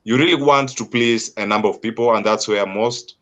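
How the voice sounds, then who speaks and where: A Kenyan man hosting an interview speaks in a fairly low voice. He asks long, winding questions and stresses his words slowly. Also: a bit bright. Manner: long winding questions, slow emphatic phrasing. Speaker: host. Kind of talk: interview host.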